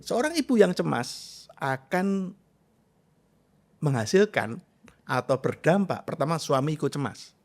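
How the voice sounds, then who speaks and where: An animated man, a guest self-transformation coach, tells personal stories in a conversational interview, expressive throughout and stressing points in emphatic lists. His voice is a little high, and he keeps a measured pace with frequent pauses.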